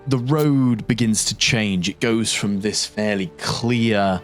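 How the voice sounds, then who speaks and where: A man acts as game master, narrating a tabletop adventure in a slightly low voice. He sets each scene very slowly and descriptively, pausing to correct himself now and then. Faint music plays behind him.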